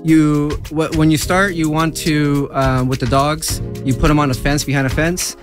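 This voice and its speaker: A man from Los Angeles, a fire captain, answering questions as a guest on a radio show, with halting speech full of fillers. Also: on the high side, flat delivery. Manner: halting, many fillers, explains step by step. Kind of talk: radio interview. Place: radio studio. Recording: music clearly heard behind.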